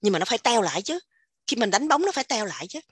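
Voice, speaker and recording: A woman with a Southern Vietnamese accent giving an animated casual spiritual talk, repeating words in quick emphatic bursts. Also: a little high, slightly rough, no room sound, studio quality. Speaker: religious teacher sharing insights.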